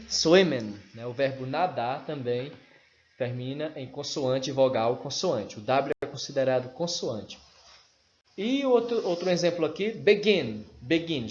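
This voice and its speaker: A man teaching an English grammar lesson, patiently repeating examples and spelling out letters. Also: fairly high pitch. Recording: roomy, dull lo-fi with faint noise.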